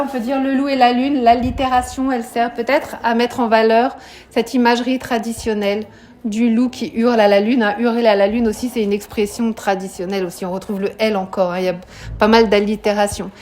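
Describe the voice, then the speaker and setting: Higher-voiced woman teaching a class. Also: steady tone, a little fast, darkish tone. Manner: explanatory, questions students, frequent "hein" tags. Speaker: high school French teacher. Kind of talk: live classroom lesson. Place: classroom with students.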